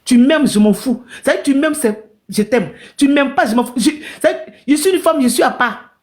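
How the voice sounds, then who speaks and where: A woman's voice: high voice, animated, brisk, darkish tone. Woman, live-stream storyteller, emotional and repetitive, talks straight to viewers.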